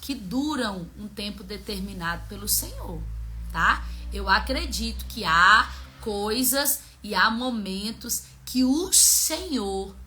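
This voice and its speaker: A woman's voice: medium pitch, expressive, takes it slowly, sharp tone, a little hiss or hum. A woman hosting a daily Bible reading, talking about faith in an earnest, personal way and telling stories from her own life. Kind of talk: casual devotional talk.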